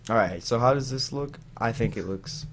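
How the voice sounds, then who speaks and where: A man's voice: mid-range voice, normal speed, a little hiss or hum. A man playing a video game with friends, chatting casually in a playful, teasing way. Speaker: Minecraft player, channel co-host. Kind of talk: casual gaming chat with friends.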